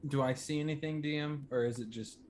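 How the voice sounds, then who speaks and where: A man's voice: a little high, steady tone, fast talker, a little mellow, a little hiss or hum. A man chatting casually and jokingly as a player in a tabletop role-playing game.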